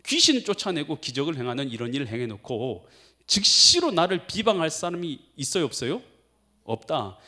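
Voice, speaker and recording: A male pastor preaches with a voice pitched a little high that leaps up and drops low from phrase to phrase. He keeps asking the congregation questions and answers them himself. His delivery is lively and in the moment. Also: fairly quick. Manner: animated, quizzes the congregation with questions. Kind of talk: sermon.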